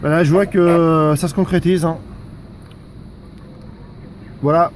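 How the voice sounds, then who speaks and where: A slightly high, darkish, steady voice comes from a man doing casual outdoor radio commentary at a measured pace. He's an amateur radio operator and civil security volunteer standing out in a storm, speaking hesitantly, conversationally, and repetitively. The audio carries windy outdoor noise with faint wind behind it.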